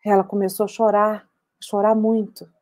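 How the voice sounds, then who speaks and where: An actress playing an older woman war veteran who recounts her memories in a measured, reflective dramatic monologue. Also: mid-range voice, flat delivery, darkish tone, natural voice. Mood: sober.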